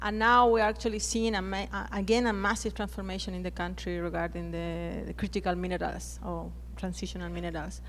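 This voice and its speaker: A woman from Chile with a Chilean Spanish accent, speaking English as a second language on a conference panel, pausing often and restarting her phrases. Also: fairly low pitch, little pitch movement, a little hiss or hum. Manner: hesitant, frequent restarts and fillers.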